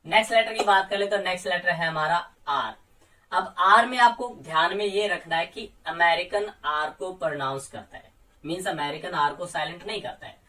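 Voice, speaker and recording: A man teaching English pronunciation in a coaching lesson, patiently saying example words slowly one by one. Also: high voice, pushed and bright. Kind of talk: explaining silent letters in a lesson. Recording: voice a little far from the mic.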